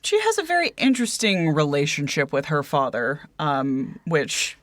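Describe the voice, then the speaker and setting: A woman's voice: low-pitched, huge pitch swings, moderate pace, no room sound. Woman cohost rambling thru a book chat, lots of ums, dry close sound. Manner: hesitant, many fillers and restarts. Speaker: podcast co-host. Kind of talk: casual book discussion.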